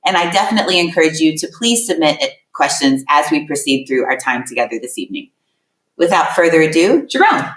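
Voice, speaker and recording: A middle-aged woman with a low, fairly bright voice hosts an admissions webinar from a room with a laptop, speaking a little fast with wide pitch swings. Her welcoming address is emphatic and repeats words for effect. The distant mic picks up a roomy echo.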